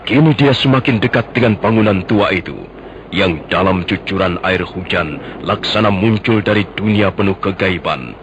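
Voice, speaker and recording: A man narrating a scripted radio drama with measured, dramatic storytelling. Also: low-pitched, noisy background. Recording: dull lo-fi radio recording. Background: prominent music.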